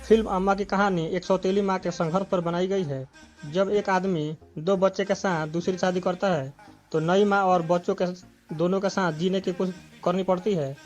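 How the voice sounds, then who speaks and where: A man with a high, light speaking voice delivers a scripted entertainment news voice-over. He reads steadily and evenly from a prepared text, and faint music plays softly underneath. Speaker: narrator.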